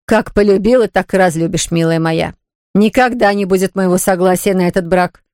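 A woman's voice: fairly low pitch, fairly even intonation, brisk, a little mellow, no echo, studio quality, lightly acted. A woman voicing a strict, self-pitying elderly aunt who scolds firmly. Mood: stern. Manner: firm, scolding, categorical.

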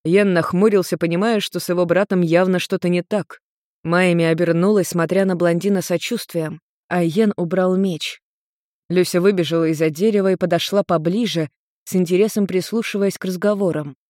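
Measured audiobook narrator, dry sound. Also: mid-range voice, steady tone, darkish tone, dry recording. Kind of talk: scripted narration.

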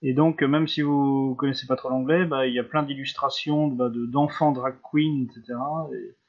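A man's voice: medium pitch, fairly even intonation, normal speed. Hesitant polite man on muffled audio. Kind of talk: casual podcast discussion. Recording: dull lo-fi audio.

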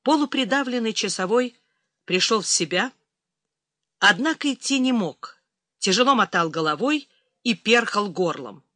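A woman reading a crime thriller audiobook, giving the characters livelier, louder voices in dialogue. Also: expressive, normal speed, no echo. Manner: reads all characters, raising pitch and force for quarrelsome lines. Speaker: audiobook narrator. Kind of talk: audiobook narration.

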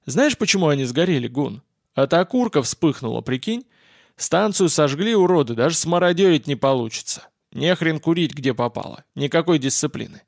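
A man's voice: fairly high pitch, expressive, moderate pace, vocal fry, no echo, studio quality. A man voicing a reckless, mocking male swindler with a cocky, slangy way of talking in an audiobook. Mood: scornful.

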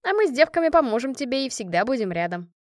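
A woman's voice: high voice, big pitch swings, quick pace, darkish tone, no room sound, studio quality. Woman reading a teasing squad commander. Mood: fond toast. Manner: affectionate, joking toast-giver. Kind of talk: audiobook character reading.

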